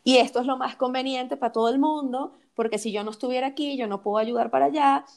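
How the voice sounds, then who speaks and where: Venezuelan-accented woman, slightly high voice, lively storyteller in casual chat. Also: fast, gravelly. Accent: Venezuelan Spanish. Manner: animated storyteller, many fillers and restarts.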